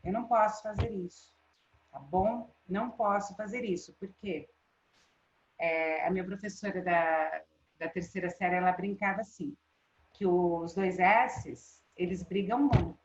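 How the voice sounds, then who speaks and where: A woman's voice: fairly low pitch, fairly even intonation, measured pace. Chatty Brazilian woman teaching a class. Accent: Brazilian Portuguese. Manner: chatty, checks in with students often. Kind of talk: live online class. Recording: roomy, dull lo-fi sound.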